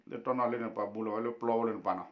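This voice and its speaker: A man's voice: mid-range voice, steady tone, fast, dull audio. A man giving a spoken news report in a long unbroken delivery. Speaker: news presenter.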